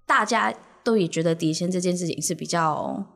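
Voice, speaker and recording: A young woman co-hosting a podcast, telling a ghost story in a lively, animated way. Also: fairly low pitch, fairly quick, gravelly. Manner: animated storyteller who acts out the characters. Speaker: podcast co-host.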